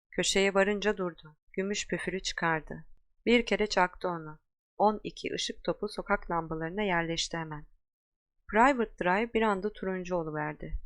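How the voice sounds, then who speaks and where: Low-voiced woman narrating a storybook. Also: dry recording. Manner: steady, measured storytelling. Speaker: audiobook narrator. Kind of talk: scripted narration.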